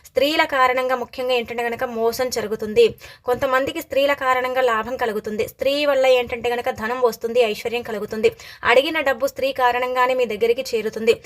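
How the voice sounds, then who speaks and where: A woman astrologer giving a horoscope forecast in a steady, advice-giving way, with frequent verbal fillers. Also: fairly high pitch.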